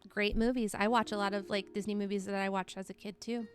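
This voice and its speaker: A woman's voice: medium pitch, level tone, fast talker, faint music behind. Encouraging woman streamer in her 30s. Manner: warm, encouraging, reads chat messages aloud. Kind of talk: casual chat while gaming on a live stream.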